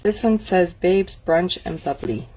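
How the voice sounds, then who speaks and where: A woman's voice: on the low side, a little slow, mellow, a little hiss or hum. A woman casually walking viewers through a craft catalog, chatty and admiring, thinking aloud as she goes. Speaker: craft demonstrator. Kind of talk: casual product walk-through.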